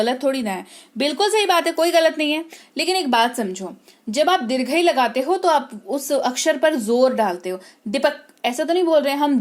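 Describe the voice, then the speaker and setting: A woman teaching English spelling, speaking patiently, repeating words slowly and checking that her students follow. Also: high-pitched. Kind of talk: explaining spelling to learners.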